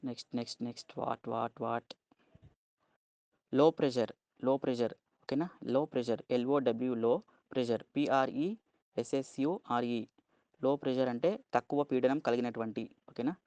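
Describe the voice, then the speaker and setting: Male teacher, Telugu accent, patient and slow, spells out every word, dry close sound. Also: medium pitch, dark tone, no room sound, muffled recording. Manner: slow, spells words letter by letter, keeps asking "okay?". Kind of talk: vocabulary lesson.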